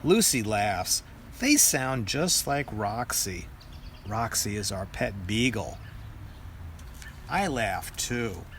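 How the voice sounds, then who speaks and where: An older man with a grandpa voice reads a children's picture book aloud in a deliberate storytelling manner. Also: lowish voice, sing-song, a bit bright, a little hiss or hum.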